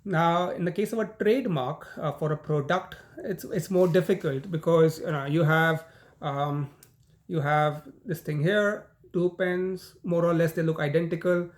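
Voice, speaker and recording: A law lecturer with an Indian accent guides students through the material in a recorded university class, his voice a bit higher than most men's. He speaks unhurriedly and conversationally, repeating words, starting over, and saying "you know" and "um" often.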